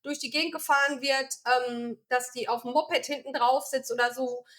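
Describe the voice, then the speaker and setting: A woman's voice: sits high, steady tone, moderate pace, a bit bright. A woman from Germany, founder of a charity, explaining its work in a casual interview with many fillers and restarts.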